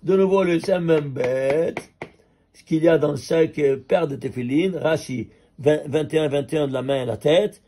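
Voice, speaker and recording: A rabbi with a fairly high, slightly rough voice teaches an animated Torah class at a moderate pace. He presses listeners with rhetorical questions and chuckles excitedly as he works through number calculations.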